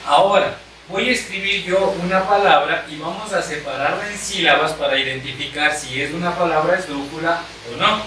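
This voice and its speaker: A man teaching a grammar lesson at a board, speaking slowly and deliberately and repeating the key points. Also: fairly high pitch, bright, forceful tone, a little hiss or hum. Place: room with a board. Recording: echoey room, mic far off.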